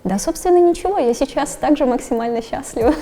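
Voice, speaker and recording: A calm twenty-four-year-old woman giving short, positive answers on a blind date. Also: sits high, fast. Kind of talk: casual chat.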